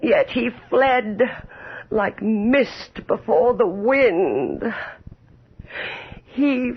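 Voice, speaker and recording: Raspy, slow-speaking Blood Countess Elizabeth. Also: female voice, fairly high pitch, very animated, heavily acted. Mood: brooding, despairing. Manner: theatrical, slow, declaiming. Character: vain, tormented aging countess, imperious and desperate. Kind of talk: 1980s radio horror drama acting. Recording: dull, lo-fi old radio recording.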